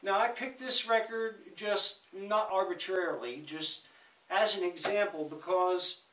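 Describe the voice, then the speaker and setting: Man talking slowly in an echoey room. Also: high-pitched, pushed and bright, a little hiss or hum. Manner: chatty, joking asides, slow with sudden quick bursts. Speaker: vlogger talking about records and audio gear. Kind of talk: casual rambling talk to camera. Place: home room with audio equipment. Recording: roomy echo, mic at a distance.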